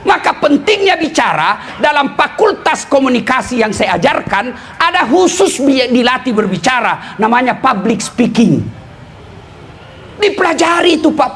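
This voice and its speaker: High-pitched, teasing preacher. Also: male voice, slight background noise. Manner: lively, teasing, often shouting and laughing. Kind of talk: humorous sermon to an audience. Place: live event before an audience.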